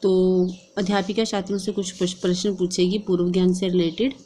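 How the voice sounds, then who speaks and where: A woman with a Hindi accent explaining a lesson plan step by step in a steady, instructive way, as a teacher-training vlogger. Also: on the low side, fairly quick, slight background noise. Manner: steady instructive delivery, reading out and dictating.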